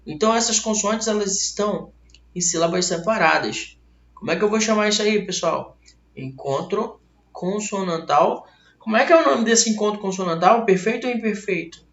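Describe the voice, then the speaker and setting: A Brazilian male teacher gives an online grammar lesson with a Brazilian Portuguese accent, lively as he asks questions and answers them himself. His high, gravelly voice moves at a moderate pace, picked up by a laptop mic as roomy, dull lo-fi webcam audio.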